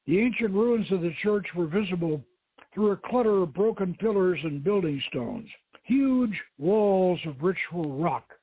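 Heard on a tinny radio stream with limited bandwidth and roomy echo, a man with a high-sitting, breathy voice narrates an adventure story. His delivery is expressive and unhurried, in the manner of a dramatic audiobook narrator and host.

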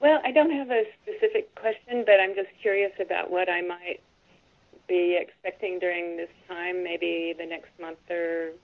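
A woman's voice: fairly low pitch, moderate pace. A woman calling in to a show over the phone, asking hesitantly and casually about what lies ahead. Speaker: caller. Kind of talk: call-in question to an astrologer. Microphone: internet call. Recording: tinny phone line.

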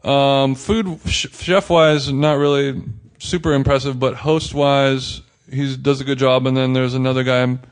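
A man's voice: medium pitch, fairly even intonation, unhurried, hardly any pauses, smooth. A man co-hosting a podcast in casual chat, rambling and hedging his opinions with lots of fillers. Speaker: podcast co-host.

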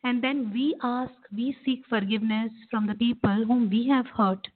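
High-voiced Indian woman, phone-line sound. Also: steady tone, moderate pace. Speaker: meditation teacher and guest expert. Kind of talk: explanatory interview talk, guiding meditation.

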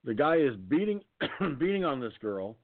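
A man's voice: a little high, very animated, normal speed, dry recording. A man hosting an online radio talk show, blunt, indignant and swearing as he reads the news. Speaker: host. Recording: dry, phone-like sound.

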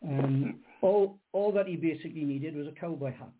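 Heard over a narrow phone line with background noise, this older poet from Wales talks at a moderate pace in a fairly high voice. As a radio interview guest he hesitates a lot, repeating words and saying um.

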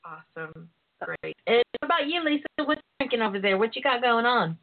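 Lively, sassy Southern woman radio host. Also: fairly high pitch, brisk. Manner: playful, sassy, calls listeners pet names. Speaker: host of a radio talk show. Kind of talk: casual, bawdy girls'-night chat. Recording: muffled internet phone-in radio sound.

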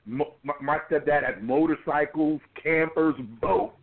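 A man's voice: on the high side, fairly even intonation, measured pace. A man in his forties, a pastor being interviewed, talking emphatically and often repeating words as he builds a point. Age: 40s. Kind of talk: conversational interview. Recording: tinny phone-line audio.

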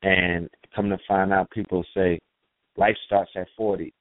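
A man in his forties hosting a radio talk show, speaking in a relaxed, laid-back way with drawn-out phrasing. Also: low-pitched, no room sound. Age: 40s. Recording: dry phone-line call audio.

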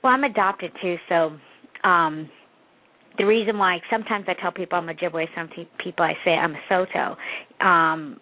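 A woman's voice: lowish voice, normal speed. A woman in her forties from Canada, a psychic medium guest on a radio interview, talking in a rambling way, repeating words and laughing often. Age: 40s. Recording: tinny phone line.

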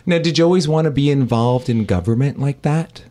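A man's voice: mid-range voice, brisk, warm tone. A man who hosts a comedy podcast and works as a voice actor, asking questions in a playful, teasing, flirty way.

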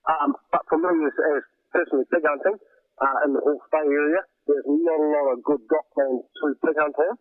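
A New Zealand man with a disguised voice, talking haltingly as an anonymous guest in a phone interview. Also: a little high, steady tone, dry recording. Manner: halting, hesitant, many restarts. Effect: voice disguised to hide identity. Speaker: anonymous interview guest, dairy farmer and pig hunter. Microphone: telephone. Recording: dry tinny phone line.

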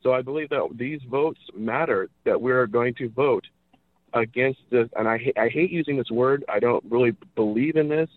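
An earnest male radio show caller from California comes through a thin, tinny phone line. His voice sits in a middling pitch and sounds close and dry, with no room around it. He hammers his points home by saying them twice. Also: normal speed, dry recording. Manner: earnest, repeats himself for emphasis. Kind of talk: earnest call-in opinion.

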